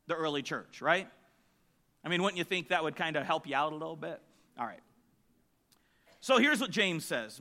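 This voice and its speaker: A man's voice: on the high side, pushed and bright. A man preaching a Bible teaching sermon, conversational and often asking his listeners questions. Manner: conversational, asks the audience questions.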